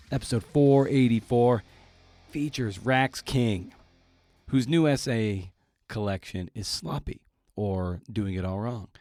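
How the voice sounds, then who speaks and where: Hosting a podcast on his own, a man delivers a casual monologue with announcements in a medium-pitched, slightly mellow voice. He keeps tossing in wry, playful, slangy jokes at his own expense.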